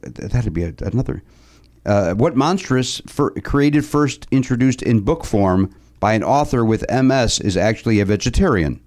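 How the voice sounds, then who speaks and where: A man's voice: mid-range voice, lively intonation, moderate pace, darkish tone. A man hosting a comedy podcast quiz, chatting casually and stumbling as he rereads questions. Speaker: podcast host, quizmaster.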